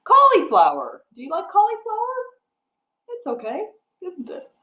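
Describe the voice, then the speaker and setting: Speaking as a storytime librarian, a middle-aged American woman gives young children a picture-book read-aloud and craft talk, with simple explanations and questions. Her extremely high voice swoops wildly at a moderate pace and sounds a bit bright. The room echoes; it's a home space with a wooden floor and piano, recorded on a device mic at about arm's length.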